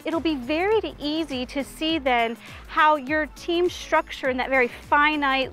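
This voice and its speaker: A woman's voice: high voice, fairly bright tone. A woman in her thirties, a management consultant, explaining ideas earnestly in an outdoor walk-and-talk interview in a park. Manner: earnest, explanatory, with restarts and fillers.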